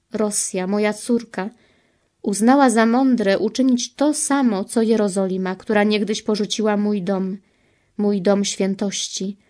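A woman reading the part of Jesus as a grieving, pleading divine man, solemn and measured. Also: medium pitch, a little mellow, close to an everyday voice. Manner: solemn, sorrowful, slow and measured. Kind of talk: devotional reading.

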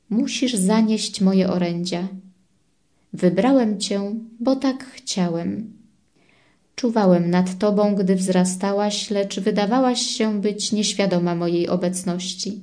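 A woman reading devotional messages aloud in a solemn, measured way. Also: mid-range voice, dark tone.

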